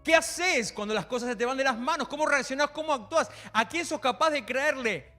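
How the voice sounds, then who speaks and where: A middle-aged man with a Rioplatense Spanish accent preaching a lively sermon, swinging between loud exclamations and quiet asides. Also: very high-pitched, a little fast, faint music behind. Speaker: pastor.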